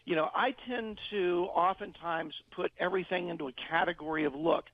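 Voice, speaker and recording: High-pitched, creaky-voiced man explaining on radio. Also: a little fast, no echo, narrow, tinny audio. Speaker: financial advisor, radio guest. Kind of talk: explanatory radio interview talk.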